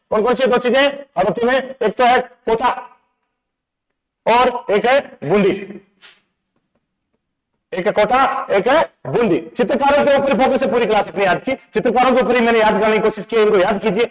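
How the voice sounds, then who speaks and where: A man teaching an exam-prep lesson, playful and asking quick quizzing questions over and over. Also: high voice, poor audio. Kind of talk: exam-prep lecture with memory tricks.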